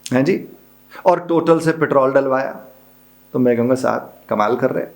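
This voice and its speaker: A man's voice: medium pitch, creaky. Pakistani man teaching pronunciation. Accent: Pakistani Urdu. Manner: explains slowly, spells out and repeats example words. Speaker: pronunciation trainer. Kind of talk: spoken lesson.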